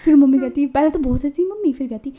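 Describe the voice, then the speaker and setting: A woman's voice: sits high, fast talker, dull audio. A young woman co-hosting a podcast, telling a family story in casual chat and acting out her relatives. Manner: animated, mimics family members. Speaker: podcast co-host.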